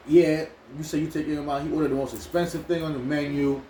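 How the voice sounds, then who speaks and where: A man's voice: fairly high pitch, steady tone, fast, mellow. A man from New York co-hosting a mukbang, telling stories in loose slang with many restarts. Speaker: mukbang co-host. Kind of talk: casual chat while eating. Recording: echoey room with faint ambient noise.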